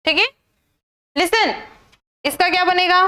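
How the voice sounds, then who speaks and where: Indian woman teacher, very high voice, drills exam grammar with repeated questions. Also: slow pace, pushed and bright. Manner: repetitive drilling with rhetorical questions. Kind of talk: exam-prep grammar lesson.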